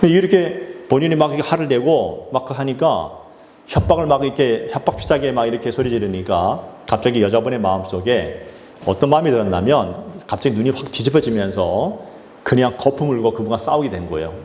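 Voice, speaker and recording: Korean pastor preaching in an echoey hall. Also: male voice, mid-range voice, expressive, a little fast, a little mellow. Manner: storytelling with many fillers and restarts. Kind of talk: sermon. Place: church sanctuary. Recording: echoey church hall with faint noise.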